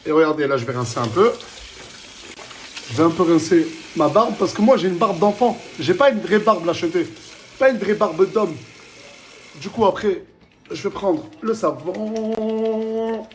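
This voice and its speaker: A man presents a casual vlog. He talks in excitable, familiar street slang, slipping easily between banter and product pitch. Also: normal speed, long pauses, a little hiss or hum. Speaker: vlogger and product promoter.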